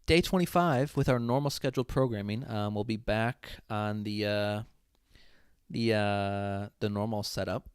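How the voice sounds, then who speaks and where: Young male streamer, lowish voice, loud and chatty, voice a bit worn, dry close mic. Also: a little slow, clear, resonant tone, no echo. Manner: loud, animated, talks to chat. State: voice giving out. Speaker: livestream host. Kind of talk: casual livestream chat.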